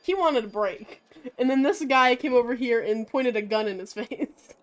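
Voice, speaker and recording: A woman's voice: fairly high pitch, moderate pace. A woman giving casual, irreverent game commentary as a streamer, giggly and free with swearing.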